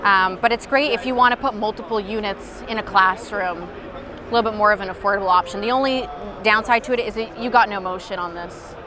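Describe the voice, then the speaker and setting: A woman's voice: medium pitch, a little fast. A woman company representative explaining a product conversationally in a demo at a trade show. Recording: busy outdoor trade-show crowd noise.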